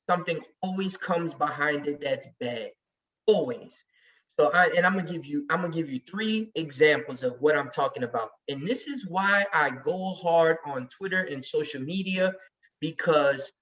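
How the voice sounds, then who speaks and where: This sports podcast regular has a voice on the high side with a slight brightness, and he chats casually but emphatically and heatedly. The sound is distant and muffled.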